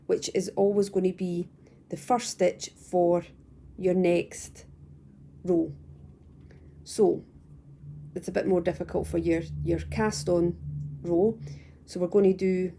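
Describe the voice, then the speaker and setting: Young woman, low mellow voice with gravel, patient step-by-step crochet tutor, talks at home. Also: slight background noise. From United Kingdom. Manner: calm, patient, repeats and restarts phrases. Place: at home, indoors.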